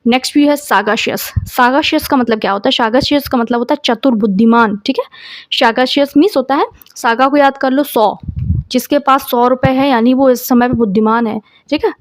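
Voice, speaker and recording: A woman's voice: sits high, a little fast, no room sound. Indian woman teacher spelling out words. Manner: spells words out letter by letter with memory tricks. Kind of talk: exam vocabulary lesson.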